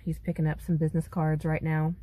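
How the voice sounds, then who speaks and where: With a low, dark voice and a completely flat delivery, this vlogger (a woman in her thirties from California) chats to her phone camera at arm's length. Sitting first in a parked truck, then at home, she sighs and grumbles through slow complaints.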